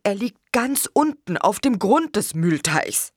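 A woman voicing a small, earnest male apple man with a husky voice. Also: mid-range voice, very animated, takes it slowly, dry recording, clean studio sound, voice pushed up, full character voice.

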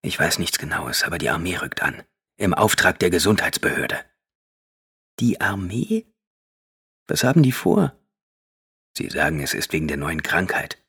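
A man voicing a hardened teenage courier in an audiobook, speaking in clipped, hushed urgency. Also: sits low, huge pitch swings, a little slow, gravelly, pauses often, breathy edge, full character voice. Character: tense teenage male courier, hardened and hurried. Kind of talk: audiobook character voice.

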